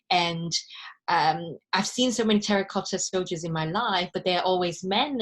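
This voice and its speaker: A woman from Hong Kong speaking earnestly on a panel over a video call, with many fillers and restarts. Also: lowish voice. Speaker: panelist, social enterprise founder. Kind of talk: panel discussion.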